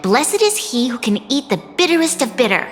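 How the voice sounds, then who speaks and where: A woman's voice: high-pitched, sing-song, brisk, big-room sound, soft background music. A woman voicing a refined, composed young noblewoman in a video game, formal and elegant. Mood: serene.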